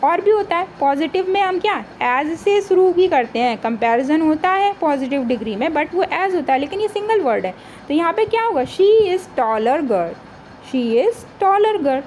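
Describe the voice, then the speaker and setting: High-voiced woman teaching grammar. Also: expressive, a little mellow, slight background noise, low-quality recording. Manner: asks questions then answers them herself; reads example sentences slowly. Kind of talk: exam-prep grammar lesson.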